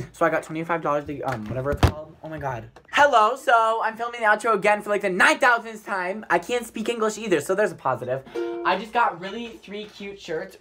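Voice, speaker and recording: A man's voice: sits high, bright, forceful tone, slight background noise. A man vlogging in a casual, rambling and self-mocking way, giggling and getting distracted. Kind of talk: casual vlog chat.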